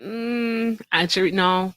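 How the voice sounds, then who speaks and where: A woman in her late thirties hosts a casual livestream, chatting away, laughing a lot, and addressing her viewers as y'all. Her mid-range voice is slightly bright and her pace is slow.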